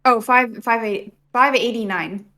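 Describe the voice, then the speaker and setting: A woman's voice: a little high, measured pace, pushed and bright. A woman co-hosting a game stream, chatty and playful, asking questions as she plays. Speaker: streamer co-host. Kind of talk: casual gameplay chat.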